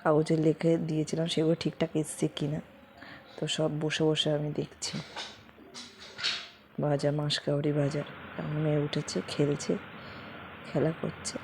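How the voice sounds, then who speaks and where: A young woman, narrating a home vlog in a quiet, slow, hushed voice. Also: low voice, completely flat delivery. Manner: talks quietly and slowly, keeping her voice down. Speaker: vlogger. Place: home in a leafy rural area. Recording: noisy home recording with ambience.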